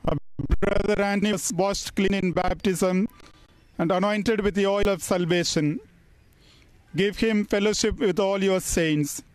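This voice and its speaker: A man speaking as a priest, reading solemn graveside prayers in a measured, deliberate way with pauses between phrases. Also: sits high, steady tone, low-quality recording. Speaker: priest leading a funeral burial service. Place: funeral service in New Delhi.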